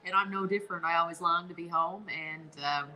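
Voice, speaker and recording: Bright-voiced Newfoundland woman, chatting. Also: lowish voice, a little fast, rough recording. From Newfoundland, Canada. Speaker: adventurer and guest co-host. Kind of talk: casual chat.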